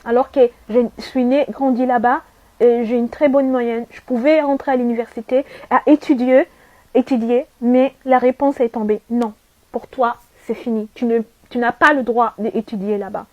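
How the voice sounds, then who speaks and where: Earnest high-voiced woman, dull lo-fi. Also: fairly even intonation, normal speed, no echo. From Saudi Arabia. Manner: earnest and emphatic, repeats herself, asks rhetorical questions. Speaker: vlogger giving testimony. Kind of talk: personal testimony to camera.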